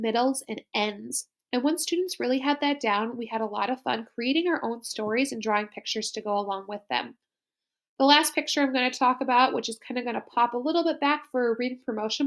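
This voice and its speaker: A woman school librarian narrating a slide presentation in an upbeat, explanatory way. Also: a little high.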